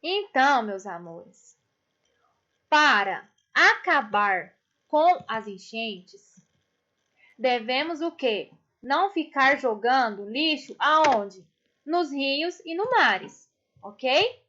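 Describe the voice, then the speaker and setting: Brazilian woman, primary teacher, high and unhurried, affectionate with kids, muffled home recording. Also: sing-song, pushed and bright. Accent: Brazilian Portuguese. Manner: affectionate, drawn-out explanations for children. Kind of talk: online class lesson. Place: indoors, construction noise nearby.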